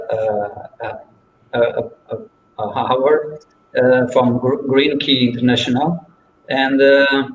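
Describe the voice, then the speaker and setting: Slow, halting man on a distant muffled mic. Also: mid-range voice. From Portugal. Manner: hesitant, many restarts. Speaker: restaurant owner. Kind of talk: online panel introduction. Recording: distant, roomy, muffled with faint noise.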